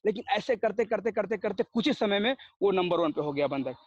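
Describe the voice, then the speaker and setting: A man's voice: sits high, expressive, a little fast, darkish tone, dry recording, lo-fi sound. A man giving a motivational talk at a network marketing meeting, telling stories and firing rhetorical questions at the audience. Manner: storytelling, rhetorical questions, acts out dialogues.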